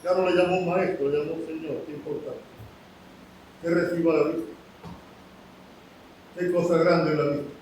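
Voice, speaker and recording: A man preaches a sermon in a high voice, raising it for the story's cries and dropping it for quiet asides. He sounds set back from the mic in a strongly echoing room. Faint ambience sits behind him. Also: steady tone, normal speed, long pauses, a little hiss or hum. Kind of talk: sermon retelling scripture. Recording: roomy echo from a distant mic with faint ambience.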